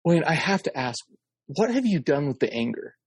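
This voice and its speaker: A man's voice: on the high side, very animated, normal speed, breathy edge, no echo. A male interviewer asking a probing question and searching for his words. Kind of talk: conversational interview.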